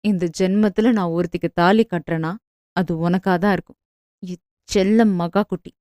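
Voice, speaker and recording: A woman voicing a young village man in a storybook romance, speaking low and softly with tender, secretive earnestness. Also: little pitch movement, brisk, clear, resonant tone, no echo, clean studio sound, close to an everyday voice. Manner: low, soft, tender murmur.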